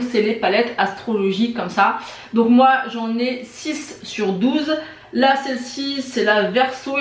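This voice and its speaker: Brief: woman vlogger, slightly high voice, gushing product talk, roomy indoor sound. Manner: enthusiastic, gushing superlatives. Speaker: beauty vlogger. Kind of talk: casual product review.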